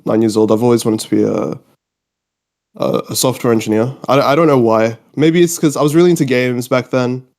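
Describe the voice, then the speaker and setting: Talking fairly quickly with a medium-pitched, darkish voice, this podcast guest is a twenty-year-old Australian man born in Mauritius who has lived in the UK. The conversation is casual, informal and rambling.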